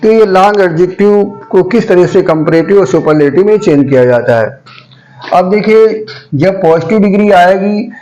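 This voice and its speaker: A male teacher giving a grammar lesson, saying each word slowly and repeating it several times so students can follow. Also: high voice, warm tone, muffled recording, faint music behind.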